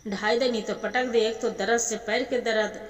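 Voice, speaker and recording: A woman's voice: a little high, steady tone, normal speed. A woman with a Bhojpuri accent telling a sad devotional folk story, emotionally addressing her listeners as sister. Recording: echoey reverberant hall.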